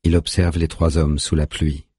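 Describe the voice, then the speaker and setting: A man narrating an audiobook in a steady, measured way. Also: rumbling low, husky, dry recording, studio quality.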